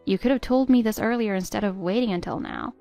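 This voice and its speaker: A woman voicing a patient, hurt middle-aged stepmother who pleads gently with her stepdaughter. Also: medium pitch, fast talker, vocal fry, faint music behind, lightly acted. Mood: pleading. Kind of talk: text-story voice acting.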